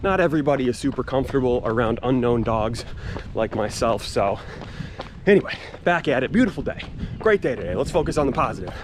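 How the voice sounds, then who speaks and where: A man's voice: medium pitch, lively intonation, fairly quick. A man chatting casually to camera as a self-deprecating, joking vlog host while jogging outdoors. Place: outdoors on suburban streets and paths. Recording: noisy outdoor street recording with traffic.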